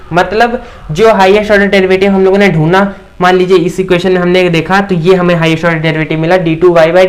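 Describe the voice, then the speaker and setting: Guy teaching maths on a board, fairly high voice, keeps asking then answering himself. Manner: repeats "theek" checks, asks questions and answers them himself. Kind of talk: whiteboard maths lecture.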